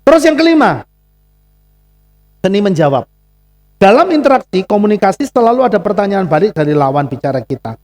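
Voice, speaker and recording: Animated Javanese-accented male preacher. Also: high-pitched, brisk, long pauses. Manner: animated, acts out dialogues with Javanese asides. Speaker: pastor. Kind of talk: sermon. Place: congregation church.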